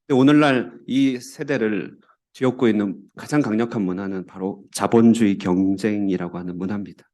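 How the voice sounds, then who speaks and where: A man's voice: fairly low pitch, brisk, mellow. A Korean man, a pastor, delivering a sermon in church with earnest, rising emphasis on key words. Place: church sanctuary.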